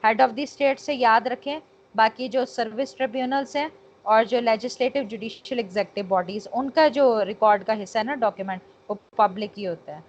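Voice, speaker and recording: Lecturing on law over an online call, this Pakistani-accented woman talks at a normal speed in a somewhat high voice. She weaves English terminology into her teaching, often uses tag phrases, and keeps confirming that students understand. Her recording is noisy and dull, as typical of call audio.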